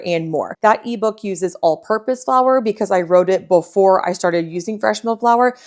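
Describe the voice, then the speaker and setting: A young woman hosting a home baking channel, calmly walking viewers through a sourdough bread recipe step by step in an easygoing, friendly way. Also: medium pitch.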